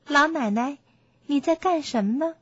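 A woman's voice: high-pitched, normal speed, fairly bright tone, dry recording, lo-fi sound, pitched above the performer's own voice. A woman voicing a curious young princess in a storybook reading.

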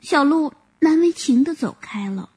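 A woman gently narrating a children's story. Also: sits high, expressive, measured pace.

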